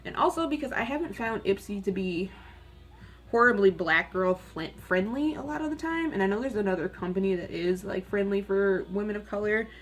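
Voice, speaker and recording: A young woman with a raspy voice, chatting candidly and rambling a little as she does her makeup in a get-ready-with-me video at home. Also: mid-range voice, brisk. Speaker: beauty vlogger.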